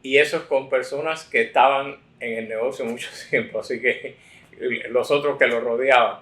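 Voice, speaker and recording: A man's voice: medium pitch, fairly even intonation, normal speed, a bit bright. Man in his sixties, rambling. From United States. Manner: rambling, frequent self-corrections and fillers. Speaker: political consultant, guest. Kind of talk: interview, relaxed storytelling. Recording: roomy echo.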